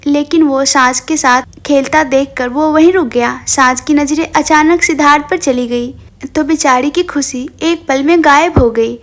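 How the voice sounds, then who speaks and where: A woman storyteller reading a tender drama with an expressive, emotional delivery. Her voice sits high and keeps a steady storytelling flow. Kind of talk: scripted story narration.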